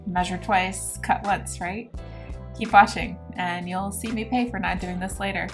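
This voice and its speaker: A woman's voice: mid-range voice, fairly even intonation, unhurried. A woman in her thirties from Norway, reading a plain, matter-of-fact voice-over for her DIY video. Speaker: DIY vlogger. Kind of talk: scripted voice-over narration. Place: voice-over, not recorded on site. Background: guitar music.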